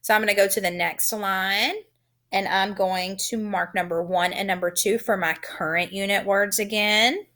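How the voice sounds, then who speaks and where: A woman teaching a phonics lesson, sounding out letters and syllables in a deliberate, encouraging way. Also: mid-range voice, fairly even intonation, sharp tone.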